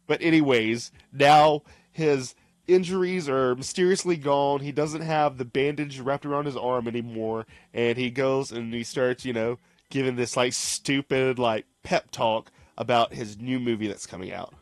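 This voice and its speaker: A man's voice: medium pitch, steady tone, moderate pace, dry recording, soft background music. A man giving sarcastic, laughing commentary over a video, mimicking the person in it.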